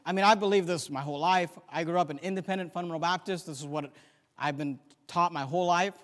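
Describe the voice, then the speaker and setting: A man with a notably high voice preaches from the pulpit, pressing his points with force and then easing off into quiet asides. He recites scripture in old-fashioned biblical wording. His voice rolls out into a long, reverberant church hall. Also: fast talker. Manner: emphatic preaching, swinging between loud declarations and quiet asides. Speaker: pastor. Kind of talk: sermon. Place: church sanctuary.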